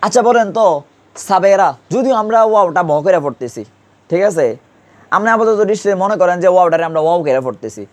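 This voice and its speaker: A male teacher with a slightly raised pitch leads a grammar class in an easy, conversational way. He drills pronunciation patiently and keeps quizzing his students with repeated questions. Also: expressive, fast talker. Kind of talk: classroom lesson.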